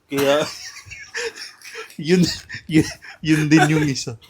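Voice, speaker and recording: A man's voice: fairly high pitch, fairly even intonation, drawn-out words. Filipino guy dropping teasing one-liners on a podcast, noisy with clicks behind. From Philippines. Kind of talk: casual chat.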